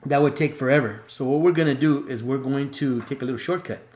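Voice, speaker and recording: A man's voice: medium pitch, fast, a little mellow, reverberant. A man teaching a screen-recorded math tutorial, thinking aloud step by step and correcting himself as he goes.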